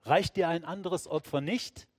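A man's voice: on the high side, measured pace, dry recording, studio quality, big-room sound, pitched above the performer's own voice. A man voicing an anguished figure pleading desperately in prayer, in a raised, emotional tone.

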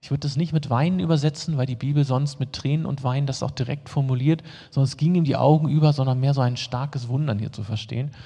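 A male preacher reads scripture and explains it, slipping into relaxed, everyday asides between the verses. His voice is dark and husky. It rings out with the long reverb of a large hall. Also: medium pitch, fast talker, hardly any pauses. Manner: reads the text, then adds casual plain-spoken asides to the congregation. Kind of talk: sermon, reading scripture aloud and explaining it.

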